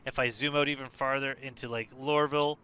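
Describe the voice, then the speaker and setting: A tired man casually walking through a game update, relaxed and hesitant, with many fillers and restarts. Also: mid-range voice, a little fast, smooth. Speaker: gaming video creator. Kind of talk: casual gameplay walkthrough.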